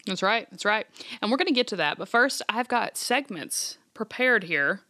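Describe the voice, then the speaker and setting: A woman's voice: mid-range voice, lively intonation, pushed and bright, no room sound. A woman hosting a casual podcast, chatting in an upbeat, teasing way on a close studio mic. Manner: teasing, upbeat, quick banter. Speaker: podcast host.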